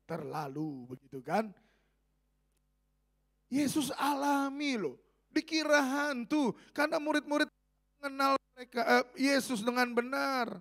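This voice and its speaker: A middle-aged man a slightly raspy voice, preaching a sermon, animated and joking, swinging between loud and soft. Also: very high voice, unhurried, pauses often. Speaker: pastor.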